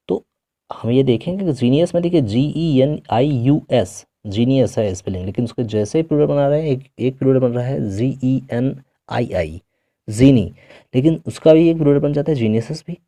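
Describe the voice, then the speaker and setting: A man gives a grammar lesson, slowly and patiently, in a very dark, mellow voice. He goes over each point again and again and keeps checking that his listeners are following. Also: mid-range voice. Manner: patient, repetitive, checks in with "ठीक है". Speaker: teacher.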